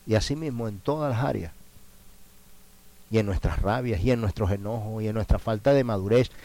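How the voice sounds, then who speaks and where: A man preaching a sermon, moving from quiet prayerful lines to loud, emphatic cries. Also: fairly low pitch, fairly quick, poor audio.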